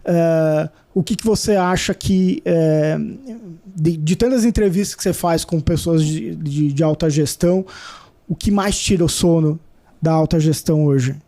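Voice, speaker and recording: A man with a high voice and a warm, mellow tone answers an interviewer's questions. He speaks bluntly but haltingly, circling through fillers and restarts before landing his point. He comes from Brazil and calls himself hyperactive. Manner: self-described hyperactive. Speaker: guest.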